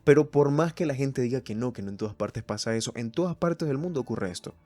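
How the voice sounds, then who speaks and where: A man's voice: mid-range voice, animated, fast, mellow, faint music behind. A man from Venezuela hosting a solo podcast, thinking aloud as he reads points from a list and comments on each one. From Mérida, Venezuela. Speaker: podcast host. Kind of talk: solo reflective podcast chat.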